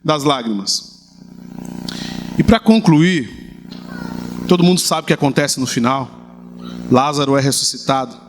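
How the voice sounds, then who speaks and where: A middle-aged man preaching a sermon in a lively, humorous way, acting out little scenes. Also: medium pitch, a little slow, long pauses, noisy background. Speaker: pastor.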